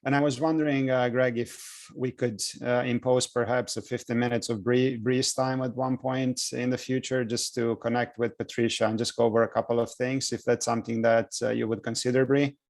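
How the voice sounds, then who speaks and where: A man directing a soccer club asks a polite question on a video call, halting with many fillers. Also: medium pitch, little pitch movement, dry recording.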